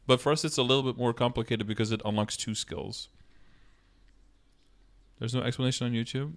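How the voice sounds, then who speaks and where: This streamer, a man in his thirties, keeps a steady tone at a medium pitch and talks a little fast. In a casual live tutorial he goes through things step by step while responding to chat. He's indoors at his streaming setup, close to the microphone.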